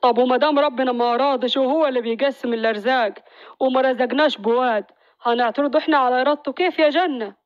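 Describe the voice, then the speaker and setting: A woman voicing a gentle, teasing young village husband and father. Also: high-pitched, fast, no room sound, highs cut off, close to an everyday voice. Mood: reassuring. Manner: teasing, reassuring.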